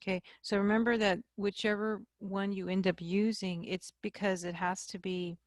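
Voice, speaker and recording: A woman math instructor giving a recorded lecture, explaining slowly and checking in with "okay?". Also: mid-range voice, level tone, no echo, clean studio sound.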